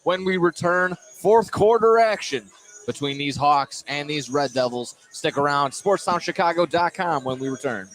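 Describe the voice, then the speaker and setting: A slightly bright, higher-pitched voice at normal speed belongs to a radio announcer calling a live basketball game from an indoor gym. Game noise and a bouncing ball are heard throughout the noisy broadcast.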